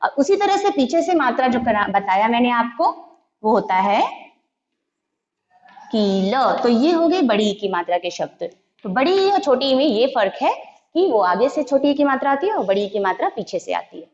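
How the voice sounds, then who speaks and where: A woman teacher with a slightly high voice talks very slowly and patiently to young pupils, spelling out each syllable. Her voice rings with a long echo in a roomy space. The recording is dull and lo-fi. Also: big pitch swings, a little mellow. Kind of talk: Hindi alphabet lesson for young children. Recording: echoey room, dull lo-fi sound.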